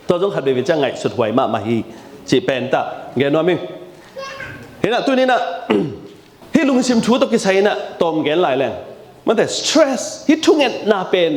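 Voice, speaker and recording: A man preaching a sermon in a lively, animated way, often repeating words and slipping English terms into his speech. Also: sits high. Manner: lively, animated delivery with frequent repetition. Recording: echoey room.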